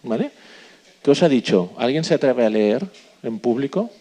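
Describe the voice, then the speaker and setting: A man's voice: mid-range voice, expressive, moderate pace, dark tone. A man giving a live workshop talk, asking the audience questions and checking in with "¿vale?" often. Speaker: workshop speaker.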